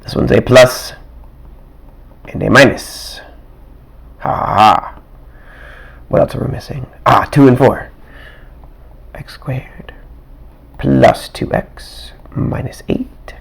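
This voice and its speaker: This man explains math through worked examples in a relaxed way, chuckling and making asides at his desk as he thinks out loud. His medium-pitched, fairly bright voice is raspy and dry, roughening over time with repeated throat-clearing, and he speaks slowly with frequent pauses.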